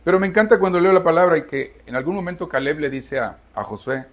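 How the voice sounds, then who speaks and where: A Mexican pastor in his sixties delivers a Sunday sermon at his church in a fairly high, fast-moving voice. He preaches emphatically, posing questions to the congregation and answering them himself.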